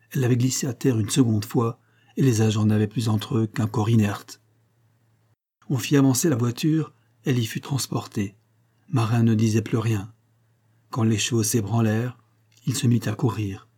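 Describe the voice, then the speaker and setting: A man narrating a novel in a measured, dramatic reading. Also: mid-range voice, dark tone, husky. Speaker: audiobook narrator. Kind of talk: scripted narration.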